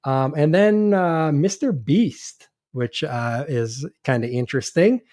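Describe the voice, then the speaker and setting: A man's voice: on the high side, animated, slow pace, darkish tone, no room sound, studio quality. A man hosting a live show, chatting casually and reading news items with frequent restarts. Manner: hesitant, restarts often, reads news items aloud. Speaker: podcast host. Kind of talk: casual live-stream chat.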